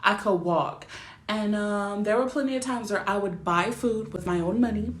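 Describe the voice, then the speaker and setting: A woman's voice: medium pitch, normal speed, background noise. A woman in her twenties telling a story to her viewers as a vlogger, blunt and emphatic, swearing freely and often asking whether they follow her. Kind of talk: casual storytelling rant to camera. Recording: roomy echo.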